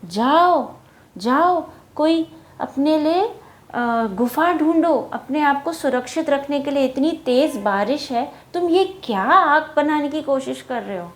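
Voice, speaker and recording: A woman's voice: high-pitched, expressive, slow pace, pitched above the performer's own voice. A woman voicing a small, meddling female bird who urgently pleads with others to listen to her advice. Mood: worried.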